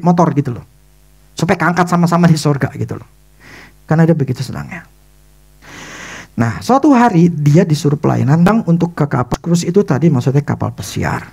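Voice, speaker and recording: A male pastor preaching a sermon in a lively storytelling manner, acting out the dialogue in casual, everyday phrasing. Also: a little high.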